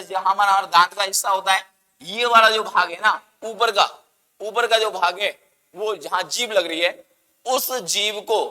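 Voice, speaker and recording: A man's voice: high-pitched, sharp tone, long reverb tail. A man teaching a grammar lesson, asking the class questions and answering them himself, and coaxing students to say sounds aloud.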